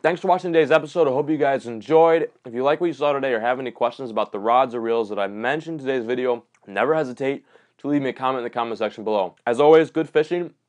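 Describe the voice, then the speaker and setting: A man's voice: medium pitch, fast talker, darkish tone, muffled recording. A young man hosting his own fishing channel, talking casually and enthusiastically through his rods and reels in a home studio, with slangy asides. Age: young adult. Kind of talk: casual gear review talk. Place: indoor home studio room.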